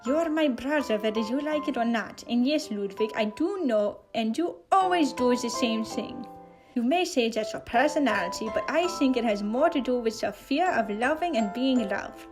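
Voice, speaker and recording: A woman's voice: a little high, animated, moderate pace, over music, natural voice. A woman reading a fanfic aloud, voicing a brash young man who scolds his brother. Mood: scolding. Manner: shouting, scolding.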